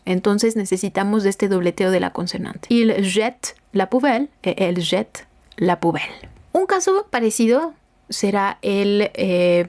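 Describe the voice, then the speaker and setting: A woman's voice: medium pitch, darkish tone. Patient woman teaching French. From Mexico. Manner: slow, careful explanations with model sentences repeated aloud. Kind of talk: language lesson.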